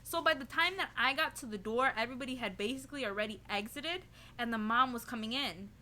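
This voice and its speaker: A woman's voice: on the high side, fast talker, a little hiss or hum. A young woman casually telling a story to the camera as a vlogger, filling it with "like" and "you know" and laughing as she goes. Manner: chatty, heavy on "like" and "you know"; giggly, animated retelling.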